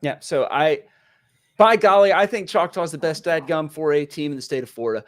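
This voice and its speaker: A man, co-hosting a casual high school football talk show in an excitable, folksy, joking manner. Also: brisk. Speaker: podcast co-host.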